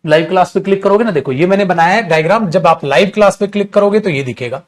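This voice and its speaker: High-voiced teacher scolding and coaxing. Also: male voice, fast talker. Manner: addresses students as beta, scolding and coaxing; repetitive, list-like explaining. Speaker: English teacher. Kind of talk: online class lecture.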